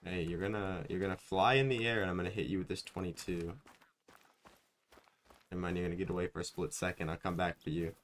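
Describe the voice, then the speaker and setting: A man's voice: deep voice, fairly even intonation, fast talker. A young man streaming a hunting game, chatting loosely with viewers, rambling and self-mocking, often saying like and dude. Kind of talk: casual live-stream chat while gaming.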